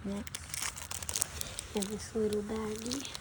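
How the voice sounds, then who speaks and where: Slow, flat-voiced woman, breathing heavily. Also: mid-range voice. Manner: heavy breathing between phrases; flat, halting item-by-item delivery. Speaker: fishing tackle unboxing vlogger. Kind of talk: casual hands-on unboxing narration. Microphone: phone held very close, at times in the mouth. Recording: noisy handheld phone with rustling packaging. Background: crinkling packaging, clicks and noise.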